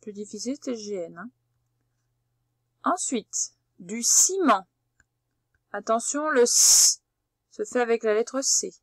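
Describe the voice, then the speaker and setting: A woman teacher giving a patient, slow spelling dictation lesson, spelling out letters one by one. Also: fairly high pitch, no room sound, studio quality.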